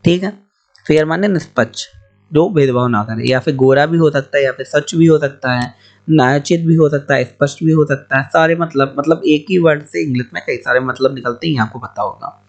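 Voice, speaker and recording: A man teaching English pronunciation in a spoken lesson, spelling words out letter by letter in a slow, explanatory way. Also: fairly high pitch. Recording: dull lo-fi recording.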